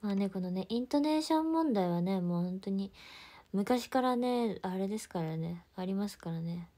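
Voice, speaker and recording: A young woman with a chats casually into a close phone mic, answering viewer comments. Her talk swings from quiet murmurs to bright, giggly exclamations. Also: medium pitch, lively intonation, moderate pace. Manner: chatty and giggly, drifting between soft murmurs and brighter exclamations. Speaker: idol livestreamer. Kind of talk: casual livestream chat, reading viewer comments.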